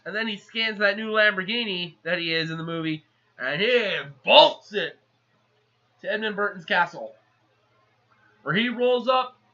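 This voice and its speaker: A high-voiced man with a very bright, sharp tone talks through a movie's plot in a loose, chatty recap. The recording is a little muffled and lo-fi. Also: a little slow, long pauses. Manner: chatty, animated, acts out characters. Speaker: movie reviewer. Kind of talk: casual rambling plot recap.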